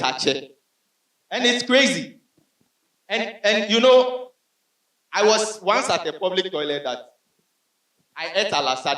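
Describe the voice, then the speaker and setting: Animated stand-up comic man, roomy club. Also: high-pitched. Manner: animated storytelling with vocal sound effects. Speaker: stand-up comedian. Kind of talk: stand-up comedy set. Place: comedy club stage. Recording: roomy club sound from a distance.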